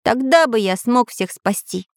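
Casting: earnest iron tinkerer from a storybook, read by a woman, practical and lively. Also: fairly high pitch, measured pace, dry recording, studio quality. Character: handy tin-man tinkerer who fears rust.

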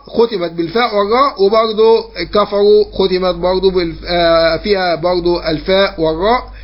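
A high-pitched man with an Egyptian Arabic accent leads an online Quran memorization lesson, recorded with the highs cut off. He patiently explains, raising questions only to answer them himself and going over points again with long, drawn-out fillers.

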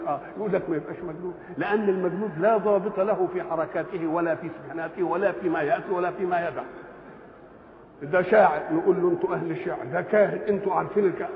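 A man's voice: on the high side, slight background noise. An older man with an Egyptian accent giving a colloquial religious lesson, asking rhetorical questions and answering them himself. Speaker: Quran commentator. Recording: tinny lo-fi recording in echoey hall.

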